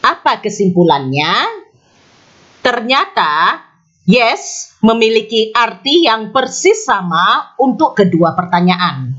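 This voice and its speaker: An English teacher reads a scripted grammar lesson slowly, her slightly bright voice swinging widely in pitch from line to line. She carefully explains each point and repeats her example sentences, in a slightly muffled, lo-fi recording.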